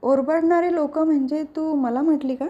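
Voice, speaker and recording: Smug scheming son-in-law read by a woman, sly, high soft voice. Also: fairly even intonation, normal speed, highs cut off, natural voice. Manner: smooth, sly.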